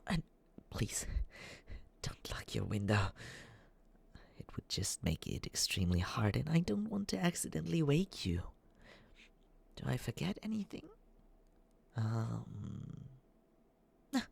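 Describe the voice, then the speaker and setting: In this ASMR roleplay, a man voices a young admirer who is tender, creepy and obsessively lovesick, with an awkward, sweetly unsettling charm. He lingers on words in a slow, husky tone, breaking into breathy little asides while his pitch wanders as he nervously dotes on the listener. It's a full character voice.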